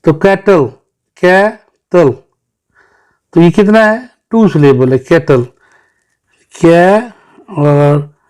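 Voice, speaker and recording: Slightly high and dark in tone, this man's voice belongs to a teacher from Pakistan giving children a recorded English lesson. He sounds out each word patiently, syllable by syllable, while slipping English terms into Hindi-Urdu.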